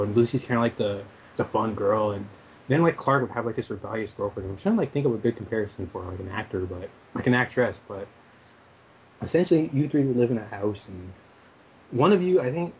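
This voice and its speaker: Fast-talking young man, lo-fi podcast. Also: fairly low pitch, expressive. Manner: fast, halting, many restarts and fillers. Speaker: podcast co-host. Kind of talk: casual chat. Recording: dull lo-fi podcast audio with faint noise.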